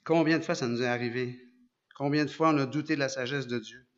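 A man with a Quebec French accent preaching a sermon, animated, asking rhetorical questions and often restarting his sentences. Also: medium pitch, fast. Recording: dull lo-fi recording.

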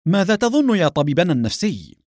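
A man's voice: high-pitched, very animated, fast, darkish tone, no room sound, clean studio sound, voice pushed up. Man voicing a cool-headed heroic captain. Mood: confident. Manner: firm and confident, teasing. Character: bold, cool-headed male captain hero.

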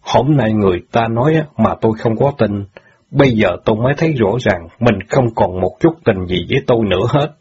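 A man's voice: on the low side, lively intonation, a little mellow, slightly rough, exaggerated voice. A man voicing a bitter, grieving middle-aged ex-bandit who pleads and rages at the wife who left him, in an audio story. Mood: pleading. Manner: reproachful, pleading, quick to anger. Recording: dull lo-fi audio.

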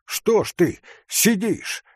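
A man's voice: on the high side, very animated, slow pace, breathy edge, no room sound, studio quality, voice pushed up, heavily acted. A man voicing a bold, impatient young male hunter who speaks urgently and gives orders. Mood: urging. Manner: urgent, commanding, shouting.

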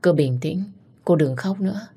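A woman's voice: low voice, expressive, normal speed, mellow, husky, exaggerated voice. A woman voicing a caring, protective young man who asks urgent, tender questions in a story reading. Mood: concerned.

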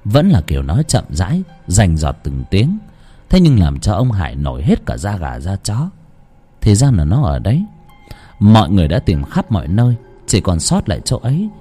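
A man narrating a ghost story with expressive delivery. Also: sits low, moderate pace, husky, faint music behind.

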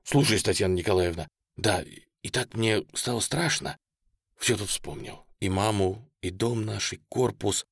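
A man narrating a novel in the first person with animated, expressive storytelling. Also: lowish voice, measured pace, gravelly, breathy edge, no room sound, studio quality. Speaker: audiobook narrator.

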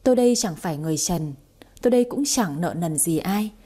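A woman reading aloud and voicing a sharp-tongued, scheming young wife who teases in singsong rhymes. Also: lowish voice, animated, brisk, husky. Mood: mocking.

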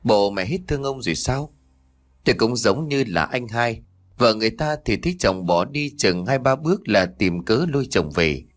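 A man's voice: lowish voice, lively intonation, moderate pace, natural voice. A man voicing a grown son who complains, puzzled and resentful, about his mother in an audio story. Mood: complaining.

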